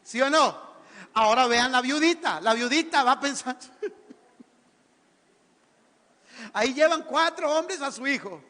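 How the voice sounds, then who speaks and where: A man's voice: very high voice, lively intonation, slow pace, pauses often, bright, forceful tone. A man with a Costa Rican accent preaching a theatrical sermon in church, firing questions at the congregation. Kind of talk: lively sermon. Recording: church hall reverb.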